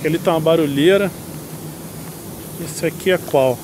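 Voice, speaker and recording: A man's voice: fairly high pitch, moderate pace. A Brazilian man doing a casual car vlog, thinking aloud informally as he checks out parked cars. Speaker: car reviewer. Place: in and around parked cars at an outdoor lot. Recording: clear car and outdoor ambient noise.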